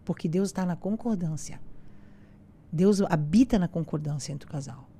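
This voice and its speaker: A woman, a podcast guest sharing a personal faith testimony in a casual, animated way, acting out the dialogue she retells. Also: fairly low pitch, normal speed, breathy edge. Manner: animated storyteller who acts out quoted dialogue.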